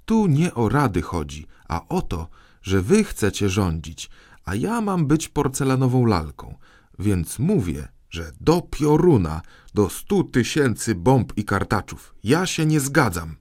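A man's voice: mid-range voice, huge pitch swings, measured pace, darkish tone, voice pushed up. A man voicing a stubborn, hot-tempered boy king who cuts people off with impatient outbursts. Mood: defiant.

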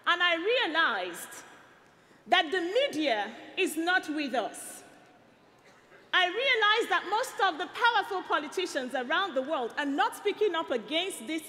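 A woman from Nigeria delivers a rousing rally speech on an arena stage, speaking into a headset mic. Her voice sits very high and sounds bright and forceful, and her pitch swings a lot as she builds to call-and-response shouts. Long reverb from the hall trails every line.

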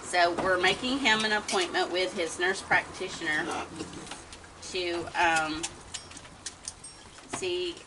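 A low-voiced woman in her fifties hosts a wildlife feeding livestream, chatting casually while feeding raccoons on an outdoor wooden deck at night. She tells a story slowly and haltingly with many ums, breaking off to coo softly at the animals. A fixed camera a few meters away picks her up from a distance, with steady background noise outdoors.

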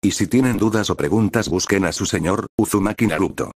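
A man voicing a childlike yet wise male god who proclaims to the world, read in a low storybook voice. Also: brisk, slightly rough. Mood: proclaiming.

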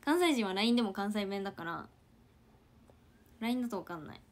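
A woman chatting casually on a livestream, talking back to viewer comments and dropping into soft murmured asides. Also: medium pitch, expressive, brisk. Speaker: idol trainee livestreamer.

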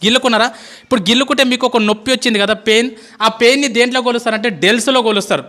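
A man's voice: extremely high pitch, very fast, pushed and bright. A male school teacher gives an impassioned, pleading motivational speech to students. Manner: impassioned, pleading, calls listeners "boss".

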